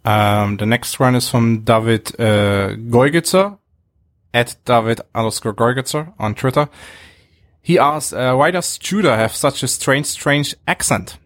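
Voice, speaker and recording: A man's voice: medium pitch, measured pace, no room sound, studio quality. A man hosting a podcast, reading out listener questions hesitantly with many fillers. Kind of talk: casual podcast chat.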